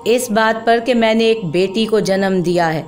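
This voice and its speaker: A woman's voice: a little high, moderate pace, faint music behind, close to an everyday voice. Woman voicing Jamila, a timid pleading girl. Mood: anxious. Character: frightened young girl, later a tearful young mother.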